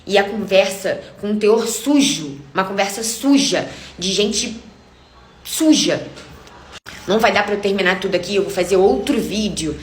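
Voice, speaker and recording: A woman's voice: medium pitch, expressive, moderate pace, slight background noise. A young woman with a Brazilian accent, telling a personal story in a casual vlog, angry and emphatic, often repeating herself. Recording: echoey room.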